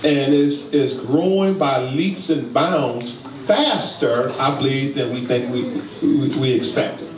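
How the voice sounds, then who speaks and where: A man's voice: mid-range voice, expressive, a crowd in the background. Man preaching in an echoey church. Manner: preacherly, slow emphatic asides, prompts the congregation. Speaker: pastor. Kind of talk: church leadership talk with call-and-response. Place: church sanctuary. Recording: echoey church room, distant mic, noisy.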